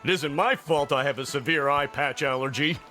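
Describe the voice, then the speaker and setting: A man voicing a vain, hearty, muscular lobster who likes to complain, in an animated game cutscene. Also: a little high, moderate pace, soft background music. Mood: aggrieved.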